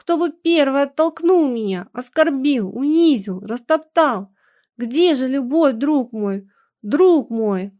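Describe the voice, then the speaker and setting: A woman reading aloud, voicing a tormented, hysterical young wife in shrill, anguished outbursts. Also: fairly even intonation, takes it slowly, a bit bright, dry recording, studio quality. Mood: furious.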